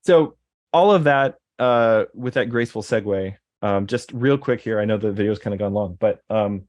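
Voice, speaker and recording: A guest from the American Deep South rambles through a casual conversation, full of fillers and restarts. His voice is fairly low and darkish, at a moderate pace.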